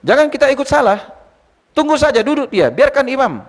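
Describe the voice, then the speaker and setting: A male Islamic teacher giving a lively study lecture, quizzing his listeners and retelling anecdotes. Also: very high voice, brisk. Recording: long hall reverb.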